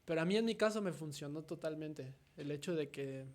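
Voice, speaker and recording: A young Mexican man in his twenties speaks as the guest artist in a relaxed interview. His voice sits a little high for a man. He reflects out loud and keeps checking in with a quick questioning "no?". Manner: reflective, tags nearly every thought with a questioning "no?". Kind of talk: casual conversational interview.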